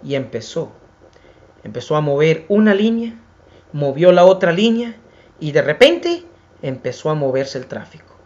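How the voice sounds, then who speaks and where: A man preaching a sermon, addressing his listeners as brothers, rising to emphatic lines and then dropping to hushed, drawn-out phrases. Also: a little high, big pitch swings, dull audio. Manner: dramatic preaching that swings from raised, emphatic lines to hushed near-whispers; addresses listeners as brothers and builds long repeated lists. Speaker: preacher and program host.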